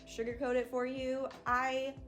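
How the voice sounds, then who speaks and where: A woman's voice: high-pitched, a little slow, faint music behind. A young woman vlogger candidly retelling a birth story in a casual storytime. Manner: candid, animated retelling with acted quotes.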